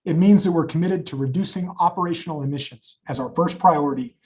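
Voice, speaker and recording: A man's voice: fairly high pitch, a little mellow, breathy edge. Man reading a formal statement over a group video call. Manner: measured, reads from prepared remarks. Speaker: company executive presenting at a public hearing.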